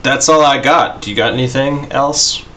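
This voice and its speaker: A man co-hosting a casual podcast chat, relaxed and quick to laugh, with a lot of "like" and "you know.". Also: mid-range voice, a little hiss or hum. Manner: laid-back, laughs often, says "like" and "you know". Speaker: podcast co-host.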